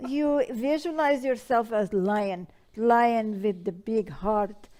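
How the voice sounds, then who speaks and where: Voicing an advice show persona, a woman plays a flamboyant, dramatic dead old madame who calls people darling and dispenses advice in a theatrical manner. Her voice is warm, a little high, and slow.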